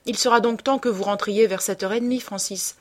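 A woman reading an audiobook voices a charming, cold young gentleman who gives orders quickly and lightly. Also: mid-range voice, lightly acted. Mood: commanding. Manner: brisk, commanding, lightly airy.

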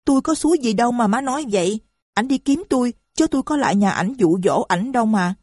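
A defiant young woman answers back in a higher, quick voice, as a woman reader puts her on. Her tone is sulky and sharp, with a husky grain and a dry, close sound. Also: expressive, no room sound.

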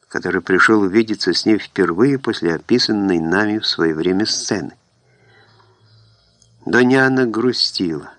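A man narrates a historical novel as an audiobook reader in a measured, even storytelling manner. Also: lowish voice, no room sound. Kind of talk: scripted narration.

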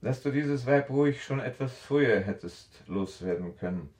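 An actor playing a cold, taunting fiancé in a 1960s radio drama, speaking calmly and mockingly. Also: male voice, mid-range voice, natural voice. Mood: coldly taunting. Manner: calm, slow and mocking.

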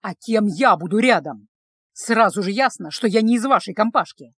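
A woman voicing a jealous, sulky young male vampire, speaking low and curt. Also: sing-song, a little fast, husky, no echo. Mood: resentful.

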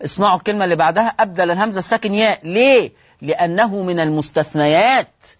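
A man with an Egyptian accent teaching Quran recitation rules in a broadcast lesson. He asks rhetorical questions, answers them himself, and slows down to stress each rule. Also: sits high, no room sound, muffled recording. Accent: Egyptian Arabic. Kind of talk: televised religious lesson.

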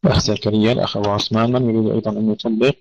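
A man teaching Quran recitation rules, correcting common mistakes and slowly demonstrating the right pronunciations. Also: lowish voice, little pitch movement, gravelly, darkish tone, no room sound. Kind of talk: tajweed lesson. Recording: dull lo-fi dry recording.

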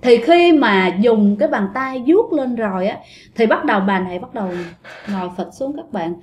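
A woman narrates a ghost story in a loose, chatty way. She talks straight to her listeners and sprinkles in fillers. Her voice sits slightly high. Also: expressive, moderate pace, a little mellow, slight background noise.

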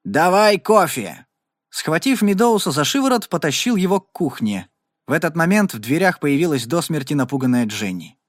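A man's voice: a little high, brisk, no room sound, studio quality. A man expressively narrating a Western novel as an audiobook reader. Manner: expressive, lively reading.

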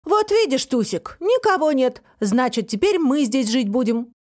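Cheeky bold young storybook hero, voiced by a woman, playful and loud, lively pitch. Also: normal speed. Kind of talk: children's storybook reading.

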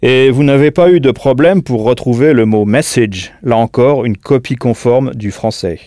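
A man's voice: mid-range voice, moderate pace, dark tone, no room sound, studio quality. A man teaching a recorded audio language lesson, patiently spelling out words letter by letter and prompting the listener to answer.

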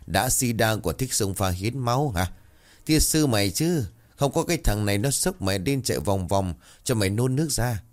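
A man doing a gruff old exorcist. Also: on the low side, lightly acted. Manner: scolding, curses a lot. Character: gruff old male exorcist teacher, hot-tempered.

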